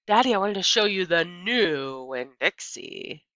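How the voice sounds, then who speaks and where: An earnest young girl of ten, as a woman reader plays her, pleading and insistent. The voice is bright and swings up and down with feeling, in a children's storybook reading with a very dry, slightly dull sound. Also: on the low side, expressive, measured pace, no room sound. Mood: eager. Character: ten-year-old girl, eager, pleading, determined. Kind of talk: children's audiobook character voice.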